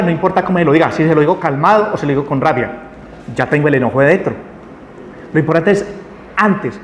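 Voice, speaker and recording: Man teaching a spiritual lesson in an echoey hall. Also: fairly high pitch. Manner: asks the audience questions, animated. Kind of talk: lecture to a group. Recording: echoey room with long reverb, faint noise.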